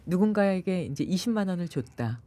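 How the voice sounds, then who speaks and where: A woman meditation and yoga expert talking on a radio show, animated and acting out the people she quotes. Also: fairly low pitch, brisk, no room sound. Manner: animated, acts out quoted voices. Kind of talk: radio talk interview.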